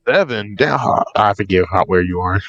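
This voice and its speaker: A man's voice: normal speed, lo-fi sound. A man joining a casual podcast chat, teasing the host in an easy, joking way. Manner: teasing, animated swings in pitch. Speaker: podcast guest.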